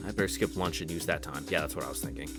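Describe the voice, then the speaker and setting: In a casual read-through of a visual novel, a man with a rumbling low, creaky voice reads the narration aloud at a rapid-fire clip, joking and swearing between lines. Game music plays under his voice.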